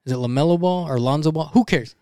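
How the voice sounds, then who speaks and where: Young male podcast co-host, slightly high voice, animated storyteller, salty language, dry close sound. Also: fast, clean tone, no room sound. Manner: animated, swears freely, acts out voices in his story.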